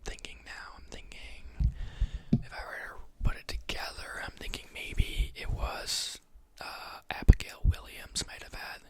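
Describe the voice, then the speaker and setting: In a gentle, leisurely whisper, this teaching ASMR host first reads a book aloud, then muses out loud, leaving many pauses and filler words.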